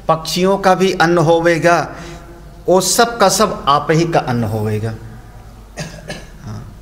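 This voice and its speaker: An older man, a swami, giving a storytelling commentary on scripture and explaining Sanskrit phrases. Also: on the high side.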